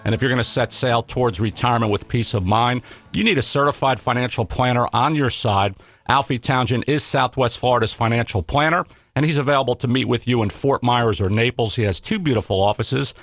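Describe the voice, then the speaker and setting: A man's voice: mid-range voice, a little fast, fairly bright tone. A man co-hosting a radio show, delivering polished promotional patter in a salesy manner. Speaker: radio co-host.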